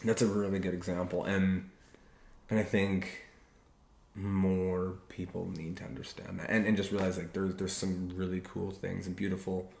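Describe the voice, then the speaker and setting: A man's low, gravelly voice with a darkish tone and little pitch movement hosts a podcast about relationships. Earnest and casual, he speaks slowly and carefully in an echoey room with some faint noise.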